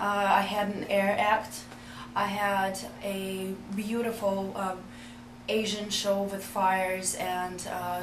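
A woman's voice: medium pitch, noisy background. A young woman from Russia, a guest chatting playfully in a comedy interview, laughing and hesitating with fillers. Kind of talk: casual interview chat. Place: indoor bedroom set. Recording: roomy room sound.

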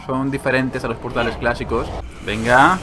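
A man giving casual gameplay commentary, excitable and quick to swear and joke. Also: mid-range voice, noisy background. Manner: excitable, swearing, joking asides. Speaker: gaming video host.

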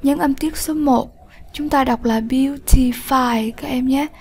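A woman teacher giving a lesson, explaining slowly, patiently and clearly. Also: sits high, steady tone, dark tone. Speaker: English teacher. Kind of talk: classroom lesson narration.

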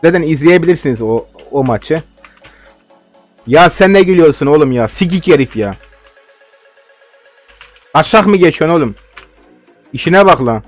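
A man's voice: fairly high pitch, animated, normal speed, long pauses, no echo, faint music behind. A young man giving live game commentary, ranting and swearing in frustration at his opponents. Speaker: gaming video host.

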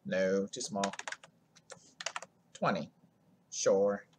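A man's voice: low voice, fairly even intonation, drawn-out words, a little hiss or hum. A man hosting a screen-recorded coding tutorial, talking in a laid-back, rambling way full of ums and asides.

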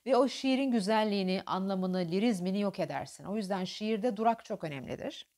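A woman teaching diction, explaining pauses and stress and reciting poetry lines with strong emphasis. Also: medium pitch, a little mellow. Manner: alternates explanation with dramatic poem recitation, marked pauses and stress. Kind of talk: diction lesson with poetry reading.

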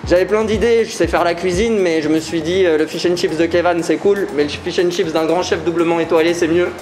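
A man's voice: high voice, steady tone, a little fast, a little mellow, slight background noise. A young man, a restaurant founder, explaining his project eagerly in a small restaurant. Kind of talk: casual interview chat.

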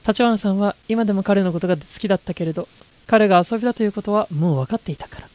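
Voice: medium pitch, very fast, darkish tone. A game streamer reading a horror game's text aloud as a feminine storyteller.

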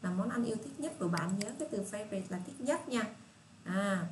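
A woman's voice: mid-range voice, lively intonation, brisk. Woman, Southern Vietnamese accent, children's English teacher, patient, repeats herself, echoey room, faint hiss. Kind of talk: casual spoken lesson for children.

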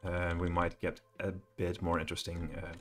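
A man's voice: deep voice, completely flat delivery, moderate pace, faint music behind. A middle-aged man giving a live coding walkthrough from a home office, thinking aloud and hesitating with many fillers. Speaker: programming tutor.

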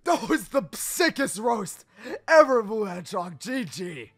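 A man giving casual, joking reaction commentary to an animated video, teasing and quick to exclaim. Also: high voice, faint music behind.

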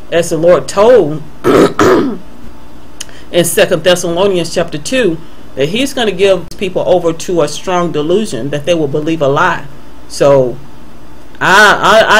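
A man's voice: sits high, a little hiss or hum, rough recording. Earnest man giving Bible commentary. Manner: earnest, halting, with fillers and restarts. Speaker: video host answering viewer email. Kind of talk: unscripted Bible commentary voice-over.

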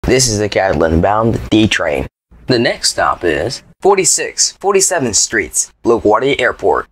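A man reading scripted transit announcements like a subway or airport announcer, in a formal, measured manner. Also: lowish voice, sing-song, breathy edge. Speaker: train announcer.

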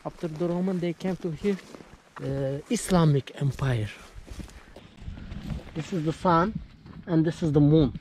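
A man's voice: fairly high pitch, darkish tone, slight background noise, rough recording. Man guiding a tour in broken English. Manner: broken English, short phrases, halting with fillers. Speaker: local tour guide. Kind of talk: guided tour explanation. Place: outdoors and inside a mud-brick house.

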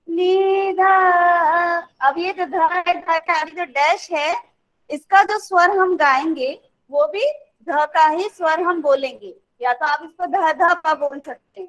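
A woman music teacher who sings sargam note names slowly and patiently explains each step of a raga song to her class. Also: extremely high pitch, fairly bright tone, poor audio.

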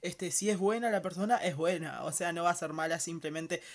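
A man's voice: on the high side, steady tone, brisk. A man with an Argentine accent casually commenting on a TV episode, chatty and rambling, with slangy asides and mock-disgusted exclamations. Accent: Argentine Spanish. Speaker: reaction commentator.

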